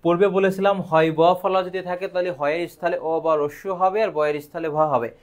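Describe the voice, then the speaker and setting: A man's voice: high-pitched, steady tone, quick pace. A man teaching a live online grammar lesson, asking questions and answering them himself.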